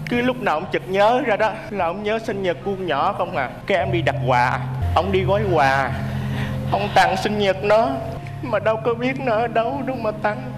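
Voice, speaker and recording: Một người đàn ông đóng vai người kể lại nỗi đau của một ông lão, giọng buồn bã nặng nề. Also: male voice, high voice, natural voice, low-quality recording. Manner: mournful, heavy storytelling. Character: sorrowful man telling of a grieving old man. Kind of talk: stage comedy sketch.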